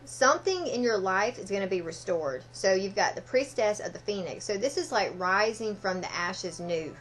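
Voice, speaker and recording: A woman fortune teller giving a casual card reading, speaking haltingly and directly to the listener. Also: medium pitch, animated, slight background noise, poor audio. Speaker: fortune teller, tarot and oracle card reader.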